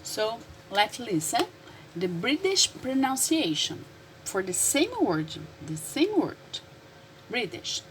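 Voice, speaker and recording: A woman teacher with a Brazilian Portuguese accent, a native Portuguese speaker, explaining English words slowly and repeating them for her learners. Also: on the high side, sing-song, fairly bright tone, slight background noise, low-quality recording. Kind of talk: classroom lesson explaining vocabulary.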